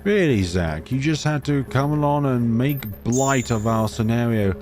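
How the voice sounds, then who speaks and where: A man's voice: medium pitch, measured pace, a little mellow, soft background music. A man streaming a game, mixing commentary with theatrical read-aloud of the text.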